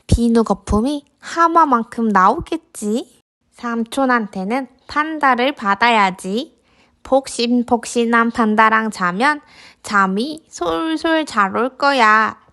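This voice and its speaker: A woman's voice: on the high side, bright, forceful tone, heavily acted. A woman voicing an imaginative, envious little boy in a picture book read aloud to toddlers. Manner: childlike, simple storybook delivery for toddlers. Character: imaginative little boy envying his big sister's puppy. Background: background music.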